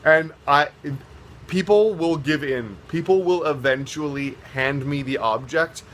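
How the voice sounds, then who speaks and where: This vlogger and drag performer has a slightly high, fairly bright voice, captured by a phone on a stand with a bit of hiss or hum. Chatting loosely with his audience, he wanders from topic to topic and makes self-deprecating jokes.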